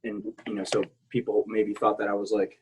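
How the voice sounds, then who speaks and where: A man's voice: fairly low pitch, monotone, a little fast, a little mellow, slight background noise, low-quality recording. A man from South Texas talking casually as a podcast guest, candid and rambling, swearing freely. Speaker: guest, military veteran.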